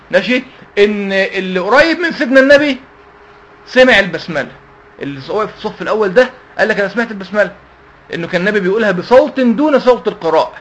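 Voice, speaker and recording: Egyptian male teacher of a youth Quran class, quick-fire, raised pitch, asks and answers his own questions. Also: fairly bright tone. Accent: Egyptian Arabic. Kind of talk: religious lesson to youth.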